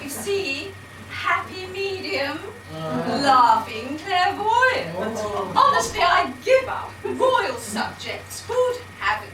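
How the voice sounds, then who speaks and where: Echoey, far-off stage recording of a woman as a bossy pantomime royal bride. Her high voice swoops about as she scolds theatrically in an exasperated, imperious way. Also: big pitch swings, slow, crowd noise, exaggerated voice. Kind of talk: broad amateur pantomime stage acting. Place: hall stage, distant microphone, audience behind.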